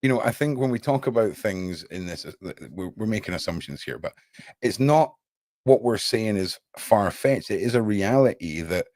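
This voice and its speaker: A man hosting a casual live discussion, explaining his points haltingly with repeated words. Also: lowish voice, animated, a little mellow, no echo, studio quality.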